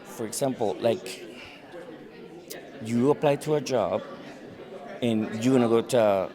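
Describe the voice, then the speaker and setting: Amid the chatter of a busy conference hall, a native Spanish speaker recounts his story in a relaxed interview, impersonating the people he quotes. His voice is medium-pitched and slow.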